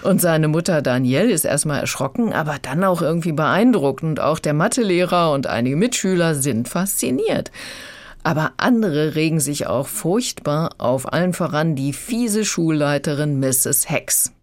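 Low-voiced woman reviewing a book. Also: expressive, normal speed, darkish tone. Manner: chatty, summarizing. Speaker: book critic.

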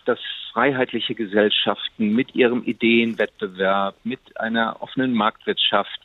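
A man giving a measured, argumentative interview answer. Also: mid-range voice, no echo. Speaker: interview guest. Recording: phone-line interview.

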